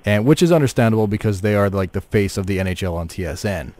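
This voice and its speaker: A man hosting a casual podcast, talking in a relaxed, easygoing way. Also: on the low side, quick pace. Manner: relaxed, easygoing, laughs along. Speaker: podcast host, radio producer. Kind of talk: casual chat.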